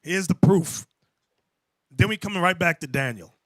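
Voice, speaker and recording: High bright-voiced preaching man. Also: expressive, normal speed, no echo. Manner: commanding, calls out verses and explains each one. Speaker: bishop teaching a class. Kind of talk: preaching Bible lesson.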